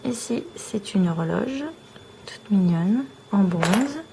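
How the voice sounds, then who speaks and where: A woman vlogger showing off small trinkets one by one in a slow, admiring show-and-tell. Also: mid-range voice, expressive, vocal fry, noisy background.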